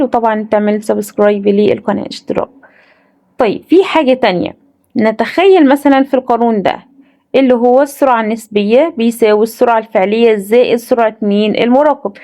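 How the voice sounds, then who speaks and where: A woman's voice: on the high side, darkish tone. A woman science teacher with an Egyptian accent, drilling students on exam problems and answering her own questions. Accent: Egyptian Arabic. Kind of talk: exam-prep lesson.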